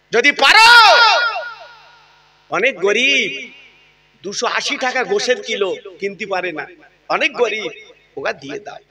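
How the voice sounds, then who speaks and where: Comic sermon preacher, man, piercing bright tone, swings between jokes and tearful shouting. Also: high-pitched. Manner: humorous, shouting, emotional swings, addresses crowd. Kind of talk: comic Islamic sermon at an outdoor gathering.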